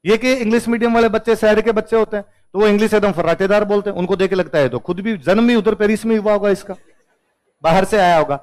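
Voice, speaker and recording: High-voiced teacher with a Rajasthani accent. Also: male voice, low-quality recording. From Rajasthan, India. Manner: playful, repeats words to contrast their pronunciation. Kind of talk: humorous classroom lecture.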